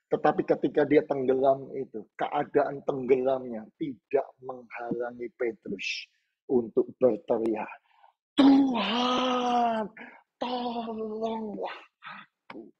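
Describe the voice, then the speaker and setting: A male pastor preaching a sermon with passion, jumping from loud shouts to hushed low words. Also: steady tone, a little slow, slightly rough, dull audio. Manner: impassioned preaching, swings between shouting and hushed low tones. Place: church service streamed to home viewers.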